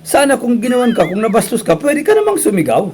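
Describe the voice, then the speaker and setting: A man's voice: extremely high pitch, huge pitch swings, fast, a little mellow, slight background noise. A man hosting a show, questioning a guest in an insistent, pointed way.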